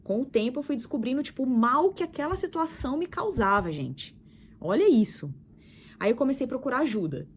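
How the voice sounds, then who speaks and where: A woman's voice: high voice, big pitch swings, fairly quick, slight background noise. A woman with a Brazilian Portuguese accent, a vlogger telling a personal story in a candid, emphatic way as she talks straight to her viewers.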